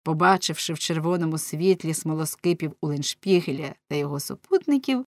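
A woman reading an audiobook aloud in a measured, even storytelling manner. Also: deep voice, no room sound. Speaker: audiobook reader. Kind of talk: scripted narration.

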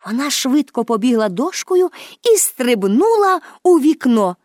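A woman with a fairly high voice reads a children's story aloud. She narrates expressively, with dramatic pauses, and her pitch rises and falls a lot. The recording is close and dry. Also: big pitch swings, darkish tone, no echo.

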